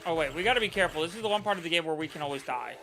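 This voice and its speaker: A man streaming a game and chatting casually in a rambling, halting way, over game music. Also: a little high, animated. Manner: rambling, halting, many fillers and restarts. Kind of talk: casual chat while playing a game.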